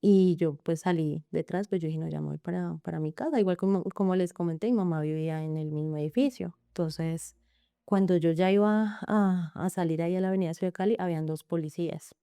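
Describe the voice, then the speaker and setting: Warm, gravelly Colombian woman testifying. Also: fairly low pitch, a little fast, dry recording, studio quality. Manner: earnest, recounting events in long run-on sentences, often quoting others. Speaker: interviewee telling her own story. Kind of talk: emotional personal testimony in an interview.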